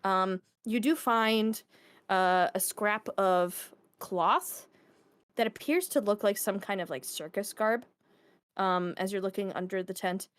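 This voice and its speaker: A woman's voice: mid-range voice, takes it slowly, smooth, no echo. A woman running a tabletop game as game master, casual and full of fillers. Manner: casual, hesitant with many fillers.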